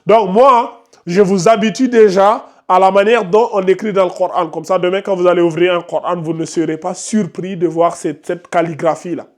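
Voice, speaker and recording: Recitation teacher, patient, questioning pupils one by one, mid-pitched voice. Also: steady tone, normal speed, a little mellow. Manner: patient, repeatedly questions and corrects students by name. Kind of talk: class lesson with students.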